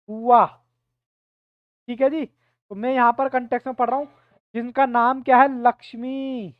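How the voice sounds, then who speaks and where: A man's voice: very high-pitched, clear, resonant tone, dry recording. A male teacher giving an online reasoning class, explaining step by step and keeping at his students to answer. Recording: tinny phone-like dry sound.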